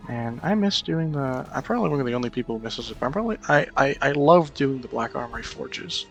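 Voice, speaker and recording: A man's voice: mid-range voice, lively intonation, fast, creaky, faint music behind. A man streaming a game, rambling and correcting himself as he thinks aloud. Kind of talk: casual gameplay commentary.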